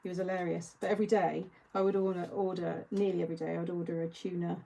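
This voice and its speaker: A woman's voice: on the low side, flat delivery, quick pace, gravelly, warm tone, rough recording. A woman hosting a live craft-along, chatting casually and answering viewer comments as she works. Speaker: craft show host.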